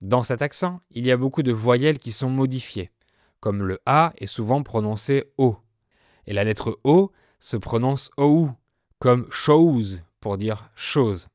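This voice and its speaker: A French man hosting a podcast lesson, explaining with slow, clear delivery. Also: medium pitch, no room sound, studio quality. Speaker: French teacher, podcast host.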